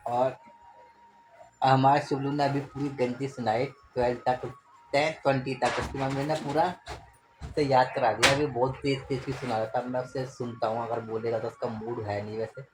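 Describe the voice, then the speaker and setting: A man's voice: medium pitch, level tone, normal speed, music in the background, rough recording. A man from the Garhwal hills with a Garhwali accent, chatting casually as a family vlogger and father at home, rambling and coaxing his child. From Garhwal hills, India. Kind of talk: casual home vlog chat. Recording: home recording with clear background noise.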